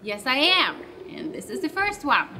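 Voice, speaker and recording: In a loose vlog, a chatty web show host whose first language is Swedish answers fan questions, now and then halting to correct herself. Her high-pitched voice is sing-song at a normal speed. Recorded from a distance, it sounds set back, with clear background noise.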